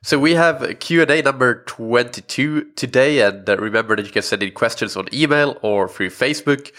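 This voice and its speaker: A young man hosts a casual solo podcast while congested from a recent illness. He chats with lots of fillers and restarts in a mid-range, slightly bright voice.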